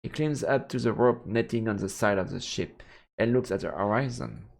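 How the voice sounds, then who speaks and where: This streamer's voice is lowish and gravelly, paced moderately, as he reads visual novel narration aloud in a playful style and stammers through little asides. Background game music sits under his voice throughout the live let's play.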